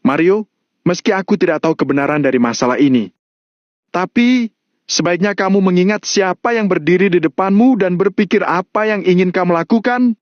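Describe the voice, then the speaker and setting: Man doing a firm, earnest young guy, raised pitch, muffled recording. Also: fairly quick, no echo, close to an everyday voice. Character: calm, firm young man warning a friend.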